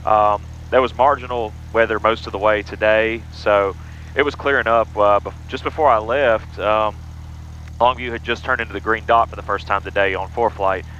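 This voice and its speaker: A man's voice: lowish voice, pushed and bright. A man who is a pilot, casually explaining procedures from inside a small airplane cockpit. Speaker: pilot and flight vlogger. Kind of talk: casual explanatory cockpit narration with radio calls. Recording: muffled cockpit audio with engine noise.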